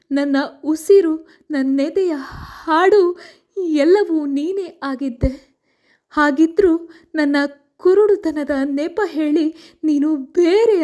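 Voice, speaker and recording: A woman's voice: sits high, warm tone, pitched above the performer's own voice. A woman voicing a dying one-eyed old mother who tenderly pleads with her son in a letter.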